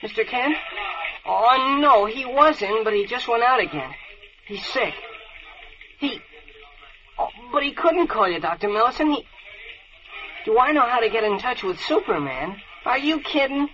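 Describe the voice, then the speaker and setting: A man's voice: very high voice, lively intonation, moderate pace, long pauses, bright, forceful tone, full character voice. An actor playing an eager, flustered teenage office boy in a 1940s radio play. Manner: boyish, flustered. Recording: noisy, dull vintage radio recording.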